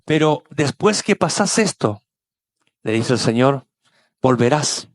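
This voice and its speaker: A man preaching a sermon as pastor, acting out Bible scenes with voices and lively storytelling. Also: mid-range voice, takes it slowly.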